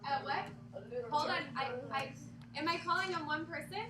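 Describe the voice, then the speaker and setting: A woman's voice: high-pitched, moderate pace. A woman teacher reading a book aloud to her class, with dramatic, exaggerated protests between instructions. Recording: echoey classroom from far off, noisy.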